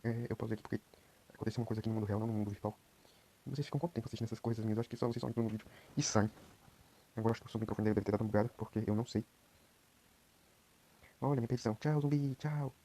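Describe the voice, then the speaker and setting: A young Brazilian man giving quiet, rambling commentary while he plays a game. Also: lowish voice, level tone, racing, pauses often. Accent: Brazilian Portuguese. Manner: talks quietly at night, rambling. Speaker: gameplay streamer. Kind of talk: casual gameplay commentary.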